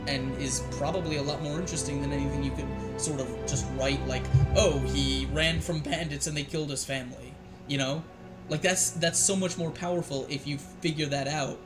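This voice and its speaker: A man, a dungeon master, chatting casually on a live show, rambling with frequent restarts and fillers. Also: a little high.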